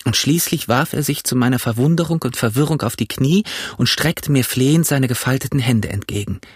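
Man, audiobook narration, measured storytelling, husky, dry recording. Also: medium pitch, dry recording.

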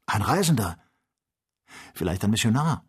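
A man doing an excitable young servant, raised and urgent. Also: lowish voice, moderate pace, breathy edge, exaggerated voice. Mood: agitated.

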